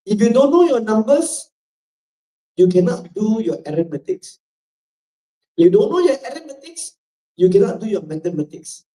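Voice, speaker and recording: A man's voice: very high voice, dark tone. Malaysian man, rhetorical panelist in an echoey hall. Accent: Malaysian English. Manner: rhetorical, repeats questions to the crowd. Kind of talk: forum panel talk. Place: event hall. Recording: echoey hall, distant mic.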